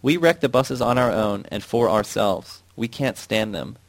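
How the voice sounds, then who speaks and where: A man voicing a defiant male bus mechanic who answers with mock obedience and calm. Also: lowish voice, a little slow, vocal fry, dry recording.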